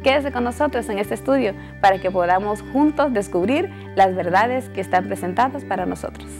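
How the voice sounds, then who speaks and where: A woman's voice: mid-range voice, fairly quick, over music. Woman, host, Bible study talk show, welcoming, asks questions, studio voice.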